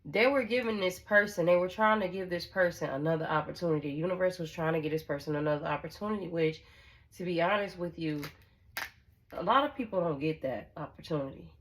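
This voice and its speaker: A woman with a notably low voice reads tarot in a loose, conversational way. She talks bluntly and swears without hesitation. She circles back over her own phrases and keeps checking in with her listener. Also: fast talker. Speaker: tarot reader. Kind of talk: casual tarot reading to viewers.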